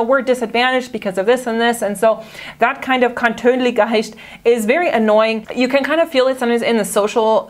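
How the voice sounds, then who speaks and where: A woman talking casually to camera in a vlog, chatty with frequent fillers and mild complaints. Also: fairly high pitch. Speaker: vlogger in the reacted video.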